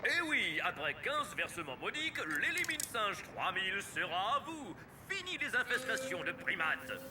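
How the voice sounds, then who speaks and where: A man playing a slick, upbeat TV pitchman in a cartoon parody advert, with salesy announcer patter. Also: big pitch swings, normal speed, loud music behind the voice.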